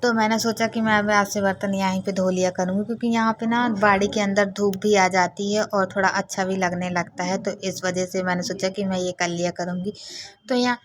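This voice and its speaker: A woman's voice: medium pitch, little pitch movement, fairly quick, a little hiss or hum. A woman, chatting casually to her viewers in a home vlog. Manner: chatty, talks straight to viewers. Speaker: vlogger.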